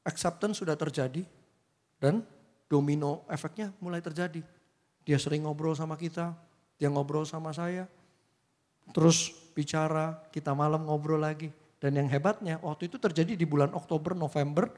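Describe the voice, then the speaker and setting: A man's voice: a little high, fairly even intonation, moderate pace, darkish tone. A man speaking from the pulpit, telling an emotional testimony and slipping English phrases into his storytelling. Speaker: lay speaker sharing testimony. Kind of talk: church testimony sermon. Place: church hall. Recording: long church hall reverb.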